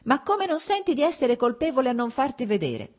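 A woman's voice: sits high, very animated, brisk, pitched above the performer's own voice. A woman reader voicing a cheerful, effusive middle-aged nobleman in an audiobook. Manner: effusive, insistent.

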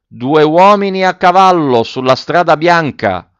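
A man's voice: a little high, expressive, moderate pace, a bit bright, muffled recording, pitched above the performer's own voice. A man voicing a brave young boy lookout. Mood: calling out. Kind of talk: audiobook character reading.

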